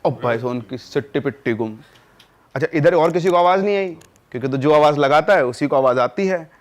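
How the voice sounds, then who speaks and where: A man with a fairly high-pitched voice relates a true horror story casually and at a brisk pace. When the tension builds, he lets his voice fall quieter.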